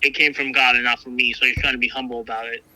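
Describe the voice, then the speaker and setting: A man's voice: medium pitch, flat delivery, sharp tone, dry recording, low-quality recording. A man reading a Bible passage aloud and then discussing it casually, often stumbling and restarting his sentences. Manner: halting, frequent restarts and fillers. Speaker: Bible reader and discussion partner.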